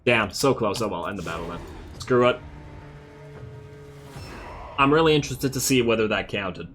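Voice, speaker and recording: Male let's play host, laid-back strategy commentary, thinking out loud over faint music. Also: on the low side, expressive, normal speed. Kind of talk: casual strategy game commentary. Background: game music.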